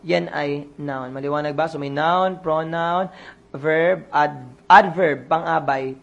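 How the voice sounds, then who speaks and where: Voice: mid-range voice, steady tone, slow pace, creaky, muffled recording. A coach running an online exam review lesson, quizzing the listeners and repeating each answer to drill it in.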